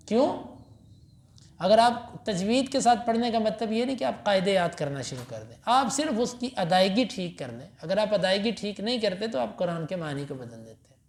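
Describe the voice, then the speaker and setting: A man from Pakistan, a mufti giving a Quran lesson after evening prayer, emphatic, reciting Arabic verses slowly and then explaining them. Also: sits high. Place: mosque. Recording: echoey mosque hall.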